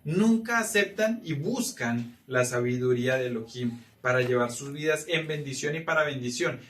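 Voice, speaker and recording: A man leads a Bible teaching with a fairly high voice for a man. He keeps checking in with the group as he goes. The sound is roomy and picked up from across the room. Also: a bit bright, recorded from a distance, a little hiss or hum. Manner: asks the room for agreement often. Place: church meeting room.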